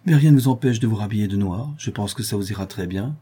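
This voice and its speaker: A man voicing a cunning, cool-headed craftsman in a spoken storybook, with a calm, mocking manner. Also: fairly low pitch, a little fast, breathy edge. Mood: sardonic calm. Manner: sardonic, calm.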